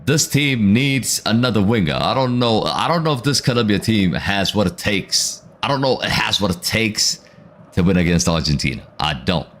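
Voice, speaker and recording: Slangy low-voiced man hosting a match stream. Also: animated, moderate pace, fairly bright tone, a little hiss or hum. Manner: casual and slangy, addresses viewers as chat and bro; reads out viewer comments between reactions. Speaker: watchalong stream host. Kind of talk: live football watchalong commentary.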